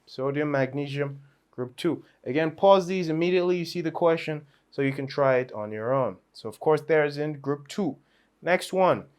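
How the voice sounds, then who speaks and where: A man's voice: fairly high pitch, normal speed, a little mellow, smooth. A man teaching a chemistry revision lesson in a playful, chatty way, with asides and small laughs.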